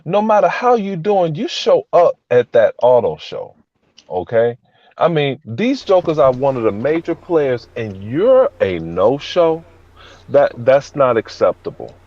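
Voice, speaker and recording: A man's voice: mid-range voice, sing-song, unhurried, a little mellow, no echo. A man in his fifties co-hosting a podcast, speaking emphatically and with scorn. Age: 50s. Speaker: podcast co-host. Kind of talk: casual podcast banter. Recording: dull lo-fi audio.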